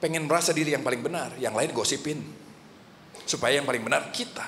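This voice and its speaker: A man with an Indonesian accent preaching a lively sermon in a church hall, asking the congregation questions. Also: medium pitch, fairly quick, a little hiss or hum. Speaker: pastor. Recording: echoey hall reverb, faint ambience.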